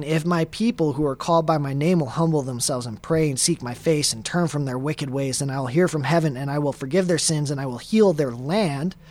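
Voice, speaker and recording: A man giving casual, earnest Bible study advice, full of fillers and restarts, who speeds up as he gets excited. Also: fairly high pitch. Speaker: Bible teacher.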